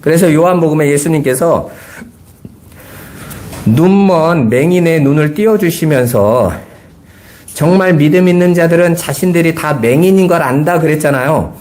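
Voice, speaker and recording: Man preaching a sermon, pastor, earnest, rhetorical questions, slightly high voice. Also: moderate pace, a little mellow.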